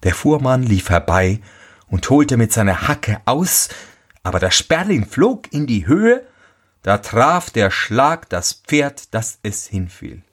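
A male storyteller reading a fairy tale aloud at a slow, unhurried pace. His voice is soft and a little breathy, with a very lively, rising and falling melody. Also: medium pitch.

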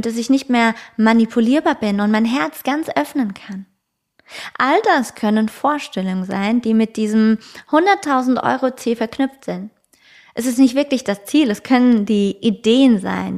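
A woman talks slowly and thoughtfully on a spiritual podcast, guiding the listener with gentle questions. Her voice sits a little high, and now and then it sinks to a hushed whisper. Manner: calm, slow, addresses the listener directly, drops into soft whispers. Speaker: podcast host. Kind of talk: reflective spiritual podcast talk.

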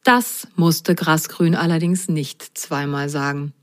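Slow, gentle woman storyteller. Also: deep voice, fairly even intonation. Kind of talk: children's story narration.

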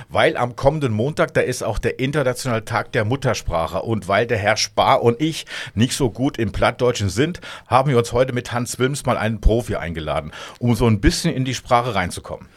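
A man's voice: mid-range voice, fairly quick, few pauses. A man co-hosting a podcast who steers the talk in a friendly way and teases his co-host a little. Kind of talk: casual podcast chat.

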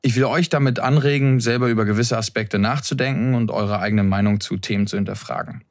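A man's voice: mid-range voice, steady tone, fast, no echo, studio quality. A young man hosting a podcast, giving a thoughtful, earnest introduction recorded in his room. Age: young adult. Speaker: podcast host. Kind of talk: reflective scripted intro monologue. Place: his room, seated in an armchair.

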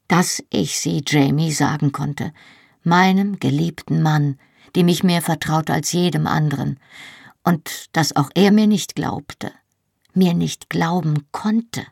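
A woman's voice: deep voice, vocal fry, breathy edge, no room sound, studio quality. A woman reading a first-person novel aloud as an audiobook, with an emotional, dramatic delivery. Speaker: audiobook narrator.

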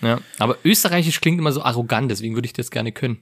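A man's voice: mid-range voice, racing, husky. Playful man co-hosting a podcast. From Saxony, Germany. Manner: playful, jokey, laughs a lot. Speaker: podcast co-host. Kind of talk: casual chat.

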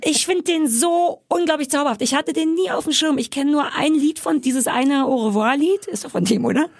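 A woman's voice: high voice, normal speed, no echo. A woman from Berlin co-hosting a podcast, chatting casually and bluntly, scolding and swearing now and then. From Berlin, Germany. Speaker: podcast co-host.

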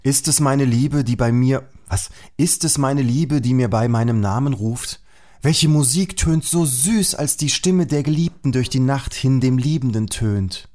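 A man's voice: mid-range voice, unhurried, a little mellow, close to an everyday voice. A man reading the part of a young male lover in a mock-solemn, theatrical way. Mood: tender.

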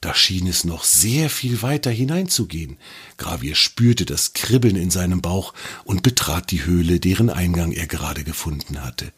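A man narrating a children's story in an expressive, lively reading voice. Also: deep voice, normal speed, slightly rough.

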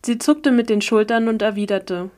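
A woman reading a first-person story aloud as an audiobook narrator, with an even, steady delivery. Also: fairly high pitch, normal speed. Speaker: audiobook reader.

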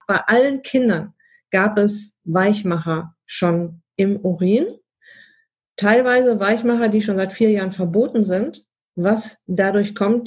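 Woman host, chatty storyteller, breathy tone. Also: medium pitch, darkish tone, dull audio. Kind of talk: casual conversation.

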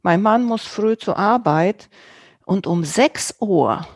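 Appearing on someone else's podcast to discuss her own, this Romanian-accented woman speaks German as a second language in loose, word-searching sentences with non-native grammar. She talks slowly in a mid-range voice with lively intonation, recorded clean in a studio with no echo.

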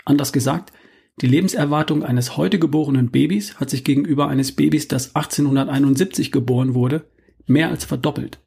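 A middle-aged man hosting a podcast, delivering a calm, measured, scripted monologue. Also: fairly high pitch, vocal fry, husky. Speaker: podcast host.

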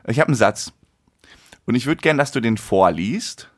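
A man's voice: medium pitch, lively intonation, normal speed. A man in his thirties co-hosting a podcast, chatting casually, laughing easily and explaining things. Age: 30s. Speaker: podcast co-host. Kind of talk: casual chat.

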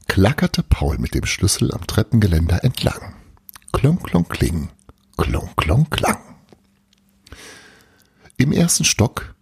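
Deep, husky male storyteller. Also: no room sound, studio quality. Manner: expressive storytelling with sound words and hushed suspense. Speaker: narrator. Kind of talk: children's audiobook reading.

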